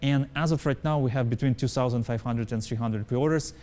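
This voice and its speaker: Answering interview questions as a company founder, this man, whose first language isn't English, stresses his points, goes over them again and keeps asking "right?". He has a warm, medium-pitched voice and talks a little fast.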